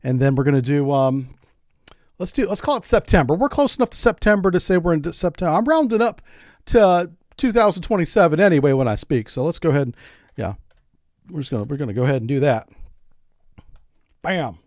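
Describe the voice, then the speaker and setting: A man's voice: a little high, lively intonation, fairly quick, pauses often, darkish tone, no room sound, clean studio sound. A middle-aged man from the United States streaming a game in a casual, rambling, joking way, often repeating words as he goes. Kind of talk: casual gameplay commentary.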